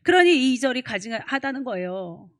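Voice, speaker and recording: A woman's voice: a little high, big pitch swings, moderate pace. A woman pastor preaching a sermon in a church, pressing her listeners with rhetorical questions and repeated "eh?" prompts.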